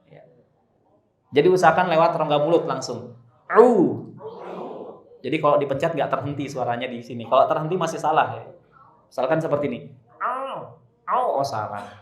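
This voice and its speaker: A man teaching Quran recitation to a congregation, drawing out slow chanted verses and joking between drills. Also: medium pitch. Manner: demonstrates slow drawn-out recitation, joking asides. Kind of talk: live tajwid class with congregation. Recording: echoey room.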